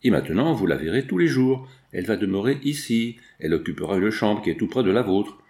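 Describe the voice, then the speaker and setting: A man's voice: fairly low pitch, sing-song, quick pace, darkish tone. A man reading the part of a firm, protective guardian who warns others.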